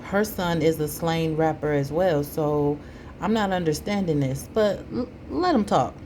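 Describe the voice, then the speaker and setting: Low-voiced, slow woman commentator. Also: a little mellow. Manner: critical, opinionated. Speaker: commentator reacting to a video. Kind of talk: spoken commentary. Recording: noticeable background noise.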